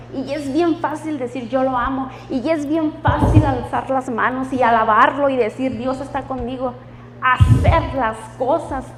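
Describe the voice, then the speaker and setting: A woman's voice: sits high, in a large hall, a little hiss or hum. A woman giving her personal testimony in church, emotional and laughing often as she quotes the voices of God and friends.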